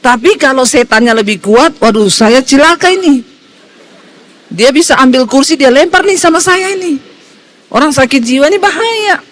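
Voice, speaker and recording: A woman pastor giving a sermon in a lively storytelling way, swinging between high exclaims and quiet low asides. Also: moderate pace.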